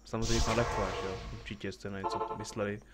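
A man live-streams a game with casual commentary, joking with the on-screen characters and greeting viewers as they arrive. His voice is on the low side with a flat delivery, heard over loud music.

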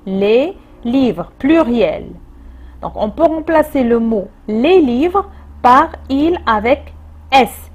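A woman teacher with a Moroccan French accent, explaining a distance-learning grammar lesson slowly and patiently, repeating key points. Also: high voice, expressive. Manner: slow, patient explaining with repetitions. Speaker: primary school teacher.

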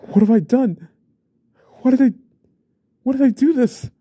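A young man voicing an unstable, remorseful young husband in a whispered role-play, stammering and repeating himself in a husky, often whispered voice. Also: medium pitch, steady tone, measured pace, warm tone, dry recording, heavily acted. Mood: panicked. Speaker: ASMR role-play creator.

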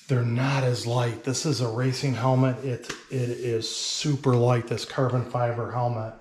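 A man's voice: mid-range voice, a little mellow, roomy sound, slight background noise. Middle-aged man in casual vlog talk. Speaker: motorcycle vlogger. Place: indoor garage workshop. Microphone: small wireless mic worn on the body.

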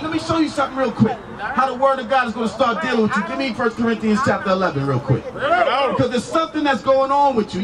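Insistent male street preacher, very high-pitched. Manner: insistent, commanding, repeated rhetorical questions. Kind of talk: confrontational street sermon, explaining scripture. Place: outdoor street corner. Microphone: handheld microphone. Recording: distant outdoor street PA, crowd noise.

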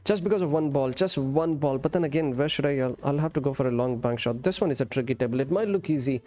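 A man's voice: mid-range voice, fast talker, mellow. A man, chatting casually and in a friendly way as he streams a game. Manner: friendly, addresses viewers as friend and brother, switches between English and Urdu. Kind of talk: casual live-stream chat while gaming. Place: indoor streaming setup. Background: music.

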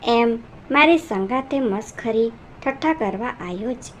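A woman's voice: fairly high pitch, animated, a little slow, slight background noise. A woman voicing a fierce, scolding police officer. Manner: scolding, contemptuous. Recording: narration over music.

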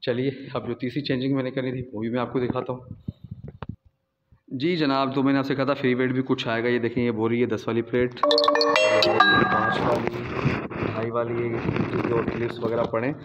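A man's voice: mid-range voice, little pitch movement, normal speed, loud music behind the voice. A man in his thirties with a Pakistani Urdu accent, a gym owner chatting casually as he walks through his gym on a phone camera, tagging his sentences with "theek hai". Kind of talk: casual walkthrough vlog. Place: large indoor gym. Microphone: phone camera, selfie then walking. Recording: lo-fi phone audio with faint room noise and reverb.

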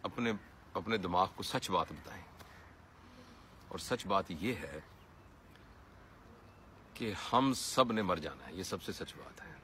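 A man's voice: low voice, animated, takes it slowly, long pauses, a bit bright, slight background noise. A man giving an earnest motivational talk in a preaching manner, rising to emphatic peaks. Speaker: motivational speaker.

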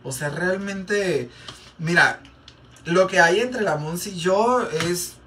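Doing his makeup on camera, a man with a Mexican Spanish accent chats through a gossipy storytime, repeating himself and using lots of fillers. He speaks slowly in a high-pitched, pushed, bright voice, recorded from a distance with faint noise behind.

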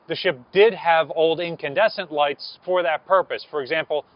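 A fairly high-pitched voice comes from an American man in his thirties presenting for a museum. He talks informally to camera on a ship's deck outdoors, and his clip-on lapel mic cuts off the highs.

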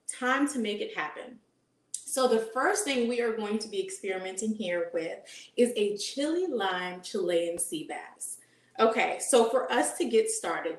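Upbeat woman teaching a cooking demo. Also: on the high side. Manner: upbeat, engaging the audience with questions. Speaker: dietitian cooking instructor. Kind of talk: live cooking demonstration. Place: home kitchen, indoors. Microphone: camera at medium distance. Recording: echoey kitchen room sound.

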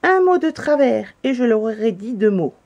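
A woman's voice: fairly high pitch, very animated, moderate pace, darkish tone, dull audio, voice pushed up. A woman voicing a boastful bellowing moose.

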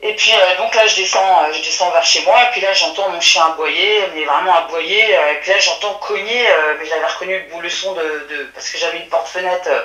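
A woman recounts what she witnessed in a halting way, stopping and restarting often. Her voice is bright and a little tense. The sound is roomy and echoey. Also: on the low side. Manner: halting, many restarts and fillers. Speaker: witness telling her story. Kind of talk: hesitant testimony by phone or call.

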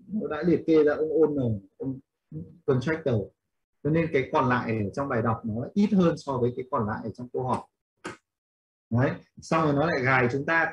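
Over dull audio, a medium-pitched man leads an online English lesson in Vietnamese. He explains a reading passage step by step, stopping to question his students as he goes.

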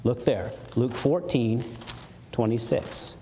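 A man preaching a sermon in a church, animated, acting out playful mock quotes as he explains a verse. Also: mid-range voice, slow. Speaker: pastor. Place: church sanctuary. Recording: faint background noise from a live stream.

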